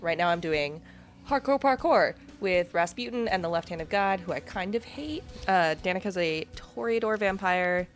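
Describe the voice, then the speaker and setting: A woman's voice: on the low side, lively intonation, normal speed, faint music behind. A woman playing in a tabletop game, with dry, sarcastic remarks. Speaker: player. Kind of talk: casual play.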